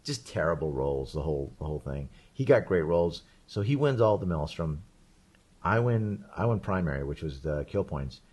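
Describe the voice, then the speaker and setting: Low-voiced male podcast co-host, rambling animated storyteller, casual. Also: normal speed, breathy edge. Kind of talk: casual chat.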